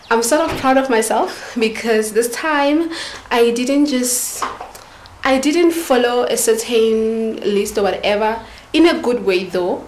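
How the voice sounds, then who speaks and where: A woman's voice: on the high side, a little mellow, slight background noise, low-quality recording. A young woman chatting casually to a handheld camera, giggling often as she talks viewers through her shopping. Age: young adult. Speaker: vlogger. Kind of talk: casual vlog chat. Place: shopping mall, then a home kitchen. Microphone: handheld camera at arm's length.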